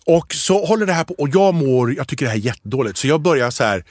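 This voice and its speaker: A man's voice: fairly high pitch, no echo, clean studio sound. A man telling a funny story in casual chat, acting out the people he quotes. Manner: animated, acts out quoted voices. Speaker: podcast co-host.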